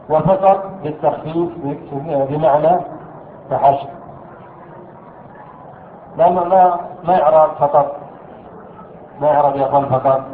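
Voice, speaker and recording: A man teaching an Arabic grammar lesson. He asks his students questions, answers them himself and repeats key words slowly. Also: fairly high pitch, slight background noise. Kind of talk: classroom lesson explaining a text. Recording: echoey room over a thin phone-like line.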